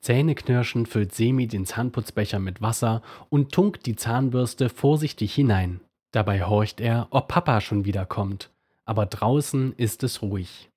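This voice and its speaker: A man reading a children's bedtime story aloud, slow and expressive. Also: medium pitch, slightly rough.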